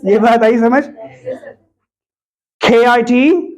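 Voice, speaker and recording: A man teaching pronunciation to a class, repeating words slowly in drills and checking whether the students follow. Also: extremely high pitch, a crowd in the background.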